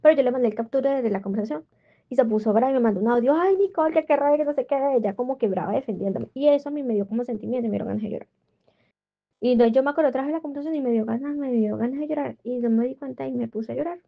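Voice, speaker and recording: A woman's voice: a little high, very fast, vocal fry. A young woman, chattily telling a rambling story in a casual voice message. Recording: tinny phone-like audio.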